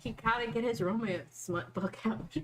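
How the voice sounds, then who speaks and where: A woman's voice: a little high, normal speed, background noise. A woman casually describing her character's actions as a player in a tabletop role-playing game.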